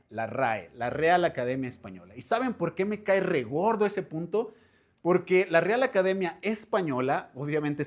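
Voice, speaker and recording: A man with a Mexican accent, a language teacher chatting casually about a book to his viewers, animated and slangy, with frequent rhetorical questions. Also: high-pitched. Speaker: language teacher and bookshop channel host. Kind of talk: casual book review to camera.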